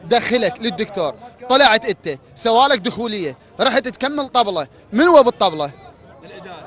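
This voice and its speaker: A man's voice: extremely high pitch, expressive, a little fast, fairly bright tone, a faint crowd. A man with an Iraqi accent speaking outdoors at a street protest, pleading and repeating rhetorical questions as a hospital administrative worker. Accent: Iraqi Arabic. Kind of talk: impassioned street protest speech.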